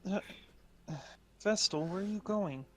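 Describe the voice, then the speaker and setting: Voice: medium pitch, unhurried, a little mellow. A player chatting casually in a tabletop game, hesitating with fillers.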